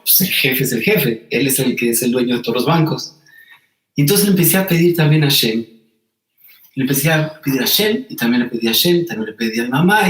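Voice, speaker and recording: A man, telling a personal story as an interview guest in an earnest, emotional manner with frequent repetitions. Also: medium pitch. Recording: roomy echo.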